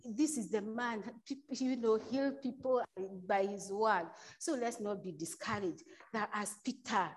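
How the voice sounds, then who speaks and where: The recording is low quality, and the preacher, a woman with a mid-range voice, speaks a little slowly. She gives her sermon loosely, as if chatting, often starting over and dropping in "you know" while raising her volume on key points.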